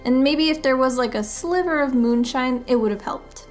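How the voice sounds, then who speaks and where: A woman giving calm, matter-of-fact voice-over commentary as co-host. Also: high voice, normal speed, soft background music.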